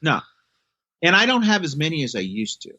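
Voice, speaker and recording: Fifties male podcast guest, emphatic and preachy, fairly high and forceful, lo-fi and dry. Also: wildly swooping pitch, a little fast, no room sound. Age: 50s. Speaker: chiropractor guest. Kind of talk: casual podcast chat. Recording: dull lo-fi sound.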